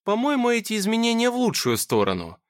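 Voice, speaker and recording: A man's voice: sits high, wildly swooping pitch, fast, pitched above the performer's own voice. A man voicing a cheeky, bossy female smart-speaker assistant with a sassy, mock-servile manner.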